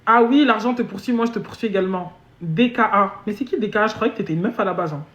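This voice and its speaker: A boastful woman chats with her viewers on a comedic live stream, now and then dropping into deliberately broken English. Her voice sits at an ordinary pitch for a woman. The sound is muffled and dull, with a roomy echo around it. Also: fairly bright tone. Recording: dull echoey room audio.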